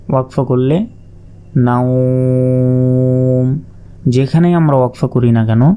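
A man's voice: medium pitch, warm tone. A man teaching Quran reading, spelling out letters and vowel marks patiently, stretching sounds in his examples. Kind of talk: step-by-step spelling lesson.

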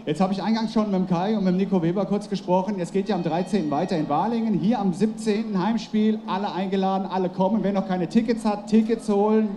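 High-pitched lively male event host. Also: fast talker, few pauses, a little hiss or hum. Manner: lively, rallying the audience. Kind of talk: live stage interview.

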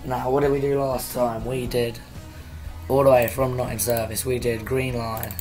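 A man with a croaky voice casually talking to viewers on a live stream, rambling as he sets things up. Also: mid-range voice, level tone, moderate pace, darkish tone, soft background music. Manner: rambling, chatty, addressing viewers.

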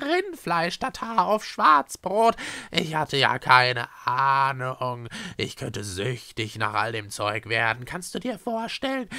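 Mann spricht eine schwärmerische, schnippische Hexe, hoch und lebhaft. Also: male voice, on the high side, creaky, bright, forceful tone, no echo, pitched above the performer's own voice, exaggerated voice. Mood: gushing. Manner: gushing, pouty, snippy. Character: lovestruck female witch creature, sulky and pert.

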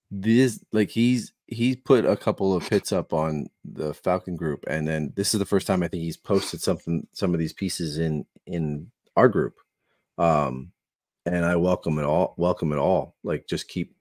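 A man with a very deep voice hosts a relaxed hobby chat. He talks with eager enthusiasm, often restarting his sentences. The sound is dry and close. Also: measured pace, dry recording. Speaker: podcast host. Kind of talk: casual chat.

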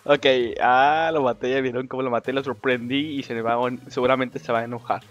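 A young man with a Mexican Spanish accent giving casual commentary over a game, excitable, swearing and talking to the other players. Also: mid-range voice, brisk. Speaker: gameplay commentator. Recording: dull lo-fi mic with faint game music.

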